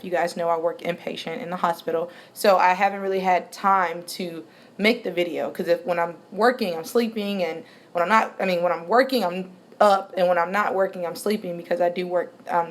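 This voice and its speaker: A woman in her twenties giving a casual vlog update, chatty and rambling, with many ums and restarts. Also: lowish voice. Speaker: vlogger.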